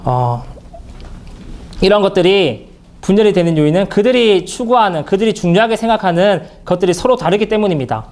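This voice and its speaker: Earnest high-voiced man giving a sermon. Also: expressive, a little mellow. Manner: earnest, halting, frequent fillers and restarts. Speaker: seminar speaker. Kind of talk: church Bible seminar message.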